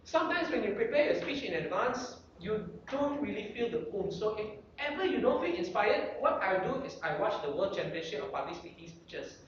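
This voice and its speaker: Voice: medium pitch, brisk, hardly any pauses, slight background noise. A guest speaker giving public speaking tips at a club meeting, coaching with checklist questions. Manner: animated coaching delivery, rhetorical checklist questions. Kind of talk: motivational speaking workshop talk. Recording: very echoey room, distant dull lo-fi mic.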